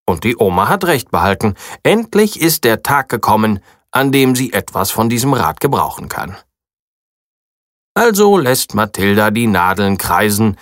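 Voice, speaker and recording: Children's story narrator, slow, lively pitch, creaky, dry close sound. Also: no echo. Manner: expressive, storytelling.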